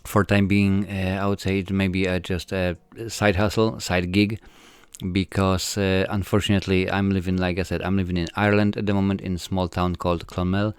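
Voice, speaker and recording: This filmmaker guest, a man in his forties from Poland, speaks in a low, level voice with a Polish accent, brisk and smooth, with no room sound. He's hesitant as he answers interview questions, full of fillers and restarts.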